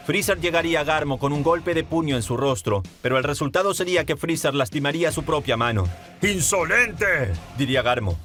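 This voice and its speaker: A man narrating a scripted fan story in a steady, dramatic storytelling manner. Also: a little high. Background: faint music.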